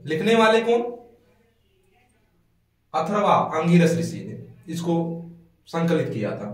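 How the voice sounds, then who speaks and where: Echoey man teaching, lively pitch. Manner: asks questions and answers them himself; repeats key words slowly for students to note down. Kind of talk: classroom lecture. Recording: echoey room, mic far off.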